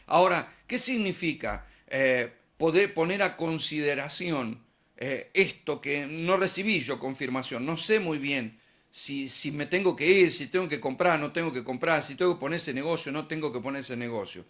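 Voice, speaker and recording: A man's voice: on the high side, normal speed, a bit bright. A middle-aged man with an Argentine Spanish accent preaching a sermon in a conversational way, asking questions and answering them himself.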